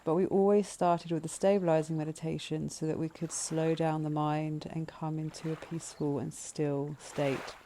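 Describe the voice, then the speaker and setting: A meditation teacher leading a guided breathing meditation with slow, gentle instructions. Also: medium pitch, a little hiss or hum.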